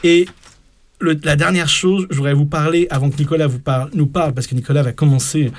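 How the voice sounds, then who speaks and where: A man hosts a casual radio chat, his voice sitting a little higher than most. He talks haltingly, stopping and restarting his sentences and filling the gaps with hesitations. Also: fairly even intonation. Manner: hesitant, many fillers and restarts. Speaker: radio show host.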